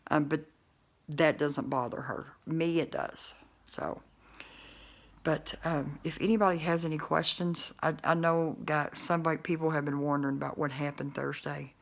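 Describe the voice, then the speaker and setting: Gravelly woman with muffled denture speech. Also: low-pitched. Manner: rambling, many fillers and restarts. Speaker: vlogger. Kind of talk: casual talk to camera.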